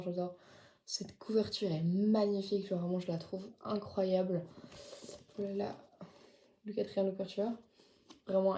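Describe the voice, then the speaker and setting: A woman's voice: mid-range voice, mellow. Chatty teenage girl in an echoey room. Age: late teens. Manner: chatty, many fillers like "genre" and "du coup". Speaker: vlogger. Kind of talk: casual haul video chat. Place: her bedroom.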